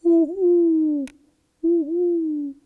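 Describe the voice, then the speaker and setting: A woman voicing a big, patient older male hedgehog who gently and kindly urges the little one along in a storybook reading. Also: medium pitch, very animated, moderate pace, dry recording, phone-quality sound. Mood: urging.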